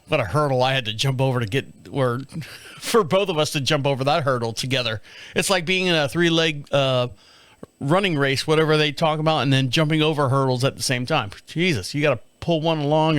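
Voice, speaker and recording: Rambling fifty-something man, smooth voice. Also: a little high, a bit bright, no echo. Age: 50s. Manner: rambling, repeats himself, laughs often. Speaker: podcast host. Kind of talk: casual solo monologue. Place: studio.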